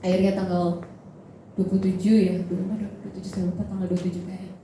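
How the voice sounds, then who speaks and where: A woman's voice: mid-range voice, level tone, fast, warm tone, slight background noise. A woman preaching a sermon, telling a personal story and talking directly to the congregation in a conversational way. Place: large church hall. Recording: echoey church hall.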